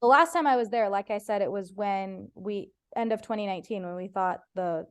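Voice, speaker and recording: A woman comedian from Ohio, United States, whose first language was Farsi, chats casually as a podcast guest and tells stories with playful voiced quotes. Her voice is smooth and medium-pitched, and she speaks fairly quickly.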